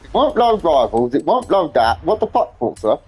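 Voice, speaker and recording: Male game streamer, husky and very animated, casual commentary full of irritated swearing and complaint. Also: fairly high pitch, normal speed.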